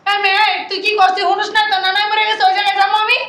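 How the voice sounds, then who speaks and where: A woman's voice: very high-pitched, flat delivery, racing. A woman playing a pleading mother. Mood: scolding. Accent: colloquial Bangladeshi Bengali. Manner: pleading, tearful entreaties. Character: mother begging her daughter to open gate. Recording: echoey room with loud noise.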